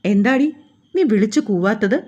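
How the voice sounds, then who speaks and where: A woman voicing a forceful young husband who taunts his wife in an audio story. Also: medium pitch, expressive, moderate pace, lo-fi sound, close to an everyday voice. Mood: taunting. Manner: taunting, domineering.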